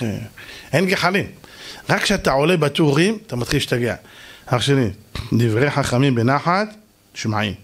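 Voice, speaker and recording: A man giving a lively sermon to an audience, asking questions and answering them himself, and acting out shouting and calm voices. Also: fairly high pitch. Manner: animated, mimics shouting and soft calm voices for effect. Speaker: rabbi giving a Torah lesson.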